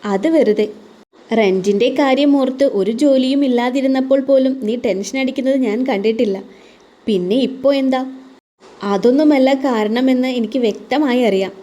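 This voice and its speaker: A blunt young woman friend from an audio story presses her coworker for the truth in a teasing, lively way, as a woman puts her on. She talks a little higher and louder than the narrator. Her voice stays mellow and warm throughout. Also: normal speed, natural voice. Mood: pushy, caring.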